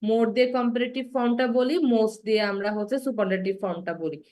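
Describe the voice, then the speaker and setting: A young woman teaching an English grammar class online, patiently explaining and slowing down to spell out example words. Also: on the high side, dark tone, highs cut off.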